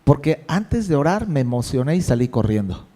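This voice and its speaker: A male pastor preaching a sermon in a lively, conversational way, with jokes and rhetorical questions. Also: medium pitch, moderate pace.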